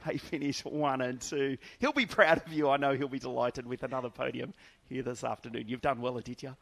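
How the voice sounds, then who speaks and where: A man's voice: mid-range voice, level tone, brisk, gravelly. A man doing live motorsport commentary as lead commentator, enthusiastic and chatty, laughing easily.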